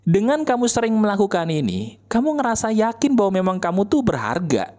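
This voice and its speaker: A man's voice: high-pitched, huge pitch swings, fairly quick, dark tone. A man giving a conversational motivational talk, coaxing listeners with rhetorical questions and step-by-step instructions. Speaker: motivational speaker.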